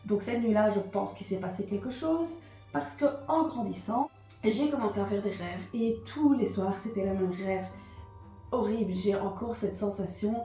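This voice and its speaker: A woman's voice: mid-range voice, moderate pace, warm tone, echoey room, faint music behind. Hesitant woman with a Liège accent. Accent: Liège, Belgian French. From Belgium. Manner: hesitant, many fillers and repetitions. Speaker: vlogger. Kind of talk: casual confessional chat.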